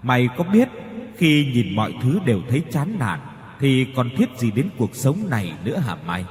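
Male reader doing a wronged young man's ghost, bitter and grieving, lively pitch, long reverb, faint music underneath. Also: measured pace. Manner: bitter, grieving, teeth-gritting.

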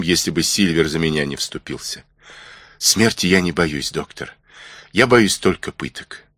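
A man's voice: deep voice, fairly bright tone, no room sound, clean studio sound, exaggerated voice. A man voicing an honest, frightened teenage cabin boy in an audiobook, earnest and pleading.

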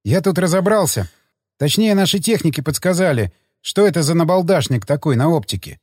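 A man's voice: a little high, lively intonation, brisk, a little mellow, breathy edge, no echo, clean studio sound, long reverb tail, pitched above the performer's own voice. A man voicing a shy, earnest young male sniper who stumbles over his words. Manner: hesitant, stumbling.

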